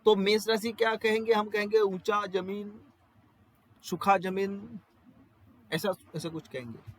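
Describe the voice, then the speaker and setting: A man's voice: high voice, steady tone, measured pace, poor audio. A man with a Bengali accent teaching an astrology class, explaining with rhetorical questions and everyday examples and dropping English phrases into his Hindi. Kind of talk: classroom lecture.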